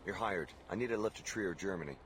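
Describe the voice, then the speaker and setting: A man's voice: sits low, fast talker, background noise, lightly acted. A man voicing a terse mercenary agent who talks in a curt, matter-of-fact way.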